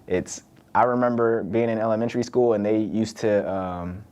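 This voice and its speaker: A man's voice: fairly low pitch, steady tone, normal speed, darkish tone, muffled recording. A young man, a podcast host from Virginia, talking in a loose, conversational solo monologue full of "like" and "right?". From born in the UK, raised in Virginia.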